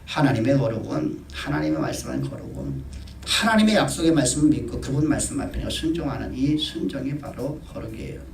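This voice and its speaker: A man preaching a sermon as pastor, swinging between soft and loud delivery. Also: mid-range voice, reverberant, slight background noise.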